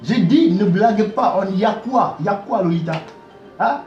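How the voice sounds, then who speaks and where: A man voicing a loud, scolding young man, repeating himself. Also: high voice, normal speed, echoey room, highs cut off, faint music behind, natural voice. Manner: shouting, scolding, repetitive.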